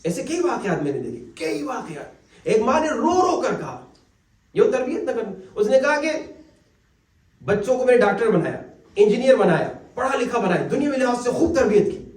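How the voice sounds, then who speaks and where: Earnest male preacher, high voice, roomy distant sound. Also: very animated, darkish tone. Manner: storytelling with quoted dialogue, earnest. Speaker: cleric. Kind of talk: religious lecture. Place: Islamic centre hall. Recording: echoey hall, distant mic.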